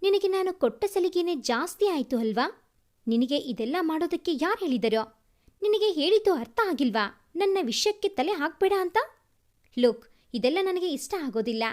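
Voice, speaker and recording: A woman reading a storybook part of a quick-tempered young man who pleads for love and scolds harshly. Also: high voice, lively intonation, dark tone. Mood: angry scolding.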